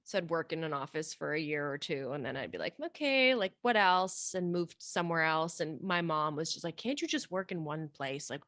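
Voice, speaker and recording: A woman's voice: low voice, expressive, moderate pace, few pauses, fairly bright tone, no room sound, studio quality. A woman from Romania, a dental hygienist and practice owner, chatting casually and joking in an interview.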